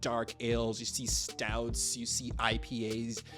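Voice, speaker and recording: Halting man narrating his move. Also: medium pitch, monotone, music in the background. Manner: halting, filler-heavy. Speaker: player. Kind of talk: tabletop role-play narration.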